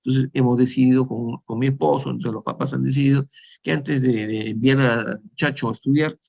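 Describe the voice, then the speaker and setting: A man in his fifties from Peru lectures on dentistry in a relaxed, conversational manner. His voice has a gravelly edge, and he keeps checking in with his listeners as he explains each point. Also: medium pitch, fairly quick, lo-fi sound. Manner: conversational, frequent tag questions, restarts. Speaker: dental lecturer. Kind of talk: lecture with slides.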